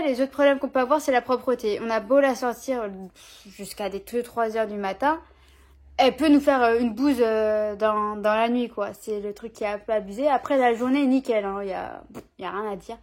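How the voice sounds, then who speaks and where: A woman's voice: fairly high pitch, normal speed, darkish tone. Chatty young French-speaking woman vlogger. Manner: chatty, informal, slangy, frequent fillers. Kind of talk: casual chat. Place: at home with her dog.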